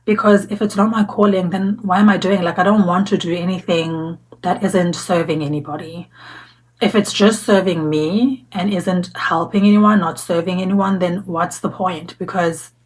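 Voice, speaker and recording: A woman's voice: lowish voice, steady tone, moderate pace, low-quality recording. A woman, chatting reflectively to camera in a casual vlog, full of fillers and restarts. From South Africa. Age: 30s. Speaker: vlogger. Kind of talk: casual get-to-know-me vlog. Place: sitting at home talking to camera.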